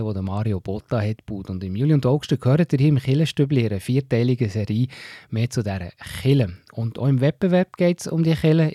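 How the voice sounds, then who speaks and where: A man's voice: mid-range voice, mellow, slightly rough, no room sound, studio quality. A man with a Swiss German accent hosting a church radio program, announcing a contest. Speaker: radio host. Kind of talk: radio presenting.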